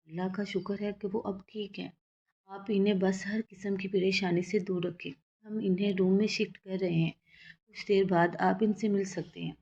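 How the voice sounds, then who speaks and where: A calm male doctor with a businesslike manner, read by a woman narrator. The voice is mellow and dark. The recording is dull and lo-fi. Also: medium pitch, husky. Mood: professional.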